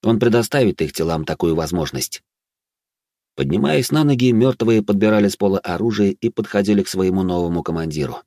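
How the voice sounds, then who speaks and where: Low-voiced man narrating a fantasy book. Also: lively intonation, brisk, dark tone, no room sound, clean studio sound. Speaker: audiobook narrator.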